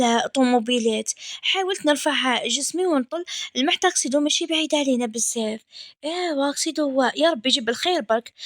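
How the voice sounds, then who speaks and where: High-voiced Algerian woman telling a story. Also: no echo, clean studio sound. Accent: Algerian Arabic. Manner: soft, intimate storytelling with frequent fillers. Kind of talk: first-person story narration.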